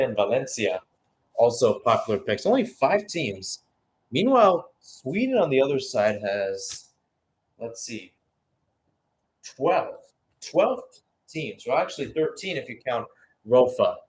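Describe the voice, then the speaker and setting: Using a medium-pitched, darkish voice, a man commentates live on football in radio play-by-play style. He alternates between calling the action and easygoing analysis, occasionally hesitating or correcting himself. Slight background noise is present.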